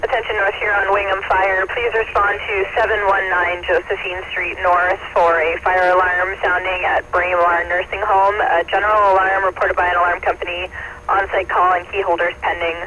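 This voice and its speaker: A fire dispatcher speaking over a two-way radio in a measured, even way, repeating back each call and reading out the times. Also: medium pitch. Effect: heard over a two-way radio. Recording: muffled noisy radio channel.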